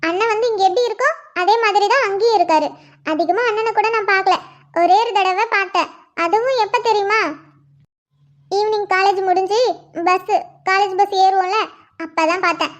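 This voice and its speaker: A woman's voice: extremely high pitch, moderate pace, pauses often, lo-fi sound. A woman voicing a cheerful young college girl in a cartoon, chirpy in manner.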